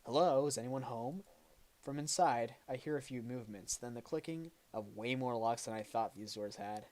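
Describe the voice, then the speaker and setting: A man's voice: medium pitch, moderate pace, a little mellow. A man reading game text aloud on a stream, in a mid-range voice. His reading is casual, and he corrects his own slips as he goes. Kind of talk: reading a visual novel aloud.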